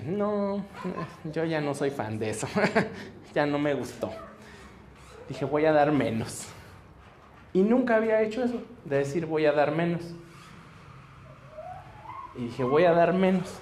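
Lively preacher man, somewhat high. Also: slight background noise. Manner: storytelling, acts out dialogue, chuckles often. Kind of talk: conversational sermon. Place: church service before a congregation.

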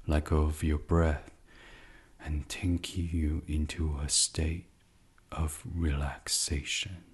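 A man with a very deep, slightly rough voice leads a sleep meditation. He keeps it soft and soothing in a hushed ASMR way, pausing at length and nearly whispering.

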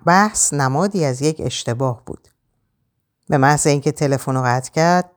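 A woman narrating an audiobook in an expressive, measured way. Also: deep voice.

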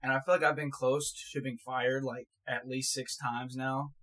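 A young man with a stutter chats loosely with friends around one shared mic. His talk comes in halting bursts full of repeated starts, in a mid-range voice. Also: mid-range voice, little pitch movement, a bit bright, rough recording. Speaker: podcast co-host. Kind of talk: casual chat.

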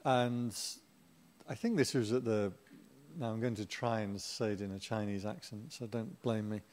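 A man's voice: fairly low pitch, steady tone, moderate pace, a little mellow. A middle-aged man giving an informal Dharma talk as a Buddhist teacher, chatty and humorous, with playful asides to the audience.

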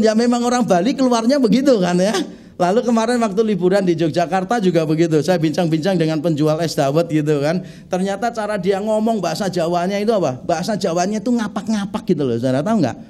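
A middle-aged man preaching a sermon in a conversational, animated way, telling humorous stories. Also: sits high, fast. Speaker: pastor.

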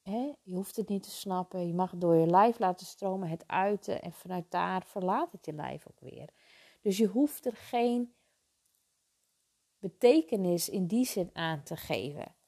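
A woman in her thirties, in a reflective, casual talk about feelings, speaking gently and soothingly, often adding little tag words and restarting her sentences. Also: fairly low pitch, expressive, measured pace. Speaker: emotional wellbeing speaker.

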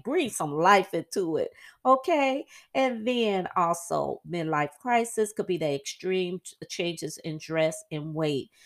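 Chatty middle-aged woman podcast host. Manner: chatty, animated, jumps up in pitch for quoted asides. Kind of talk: casual solo podcast monologue.

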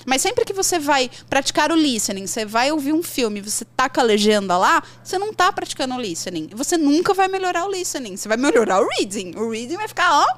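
On a podcast, a Brazilian woman who teaches English chats in a high, bright, lively register, talking fast with few pauses and a Brazilian Portuguese accent. While giving advice, she playfully acts out worried learners' complaints in a high voice.

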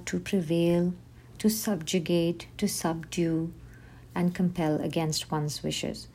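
Low gravelly woman giving a religious lesson. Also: mellow, a little hiss or hum. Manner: measured, reads definitions as slow lists. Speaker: podcast host teaching on Islam. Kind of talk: scripted religious teaching.

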